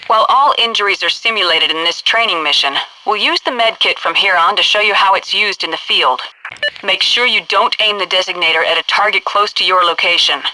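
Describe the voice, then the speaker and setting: Heard over a noisy, radio-like transmission, an actress portrays a stern, brisk headquarters instructor in a video game, giving clipped tutorial orders with authority. Her mid-range voice is pushed and bright, and her manner is brisk and instructive.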